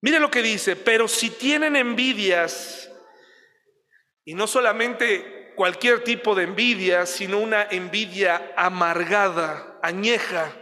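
A man's voice: high-pitched, takes it slowly, sharp tone. A man with a Mexican accent preaching a sermon in a chatty way, asking the listeners questions and acting out little everyday scenes. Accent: Mexican Spanish. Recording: long reverb of a large hall.

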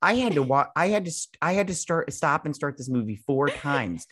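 A man's voice: a little high, big pitch swings, brisk, a bit bright, a little hiss or hum. A drunk man co-hosting a podcast in casual boozy banter, giggly and rambling, with a rowdy, exasperated manner and swearing. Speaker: podcast co-host.

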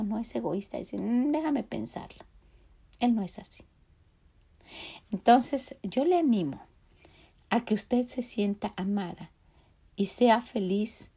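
A middle-aged woman delivering a devotional talk to women. Her voice has a gravelly, creaky edge at a mid-range pitch. She keeps turning to the listener with direct questions and formal address. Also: mellow.

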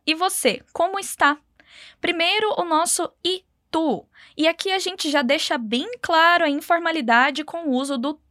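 High-voiced woman teaching Spanish. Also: fairly bright tone, no room sound, clean studio sound. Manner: patient, encouraging, models phrases for repetition. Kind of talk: language lesson narration.

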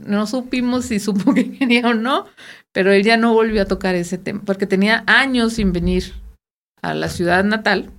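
A Mexican woman with a mid-range voice speaks casually. She recounts a family story in a conversational way, with quick, short interjections between her sentences. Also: medium pitch, steady tone.

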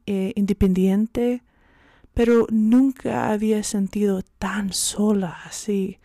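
A native English-speaking woman hosts a personal devotional podcast, sounding earnest and a bit self-conscious, and sometimes sinks to a whisper. Her mid-range voice is mellow, captured as clean studio sound with no echo.

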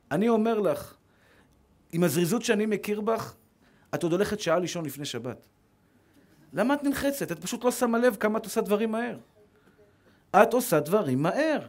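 A tender husband, acted out by a male preacher in a very high register, gently builds up his wife's confidence. His manner is soft and coaxing. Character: tender encouraging husband praising his wife.

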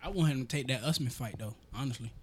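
A man's voice: mid-range voice, fast. A man in casual podcast banter, exclaiming in disbelief like a frat bro, with slang and swearing.

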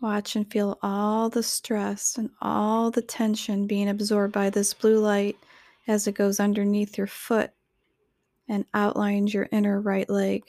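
A woman reads a scripted guided meditation in a soothing, measured, instructional manner. Her medium-pitched voice is soft and completely flat in delivery, turning breathy at the ends of phrases, and the studio-quality recording has no echo.

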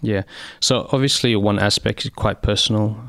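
A man in his thirties or forties who grew up in China, speaking as an interview guest in a measured, reflective way with frequent fillers. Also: lowish voice, steady tone, gravelly, a bit bright, no room sound, clean studio sound. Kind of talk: conversational interview.

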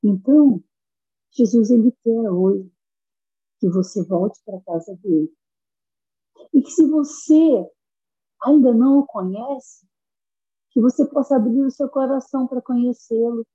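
A woman preaches with fervor, her voice slightly husky and warm, set a little high for a woman. She pushes up into emphatic peaks as she presses her points. The recording sounds dull and lo-fi. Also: a little slow, long pauses. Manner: fervent, rising to high emphatic pitch. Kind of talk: sermon.

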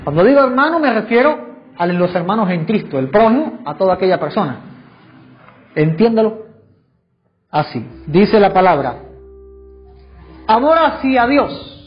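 A man's voice: high voice, very animated, moderate pace, long pauses. A man preaching a sermon to a congregation in church, fervent and full of rhetorical questions. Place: church service before a congregation. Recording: dull lo-fi sound, faint music behind.

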